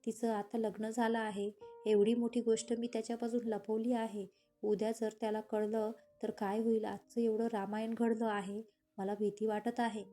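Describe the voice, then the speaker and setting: A woman's voice: fairly high pitch, flat delivery, moderate pace, mellow, soft background music, natural voice. A woman voicing a playful, affectionate young woman in a romantic audio story.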